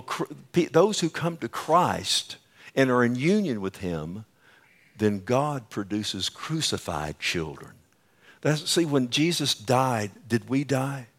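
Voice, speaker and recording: A male pastor with a medium-pitched voice preaches a sermon at a pulpit microphone in a church. He speaks emphatically and puts questions to the congregation.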